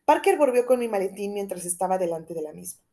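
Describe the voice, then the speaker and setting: A woman narrating a novel aloud in a steady, measured storytelling voice. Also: mid-range voice. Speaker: audiobook narrator.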